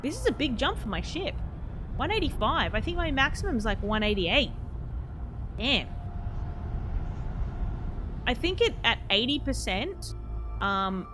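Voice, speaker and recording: Woman game streamer, higher voice, very lively pitch, chatty and laughing, music playing behind. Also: a little slow, pauses often. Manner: chatty, laughs often, answers chat. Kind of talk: casual live-stream chat while playing.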